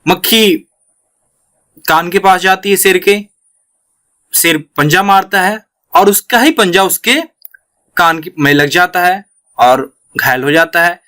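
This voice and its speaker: A man's voice: high-pitched, slow pace, pauses often, sharp tone. A man teaching a school lesson, reading a children's story aloud and then retelling each passage in simpler words, with fillers.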